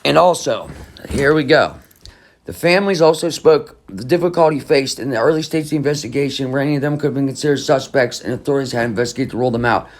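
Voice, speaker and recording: A man hosting a true crime channel reads an article aloud with casual, rambling, skeptical commentary, humming between passages. His voice is medium-pitched and his pace quick.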